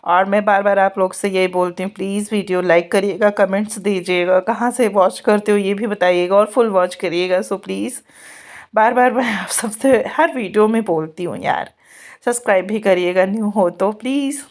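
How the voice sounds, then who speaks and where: A mother in her thirties chats casually in a home vlog as she gets her children ready, laughing often. Her voice is medium-pitched and her pace moderate.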